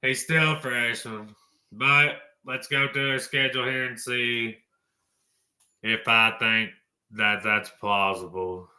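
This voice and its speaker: A man's voice: mid-range voice, fairly even intonation, slow, sharp tone. A man hosting a college football talk show, blunt and folksy, tossing in mild swearing. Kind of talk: opinionated sports talk.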